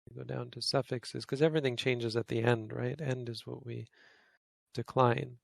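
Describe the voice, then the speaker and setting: A man's voice: medium pitch, fairly even intonation, moderate pace, creaky, no echo. A man, a Buddhist monk, giving an informal grammar lesson to a study group, thinking aloud and correcting himself as he goes. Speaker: Buddhist monk teaching Pali.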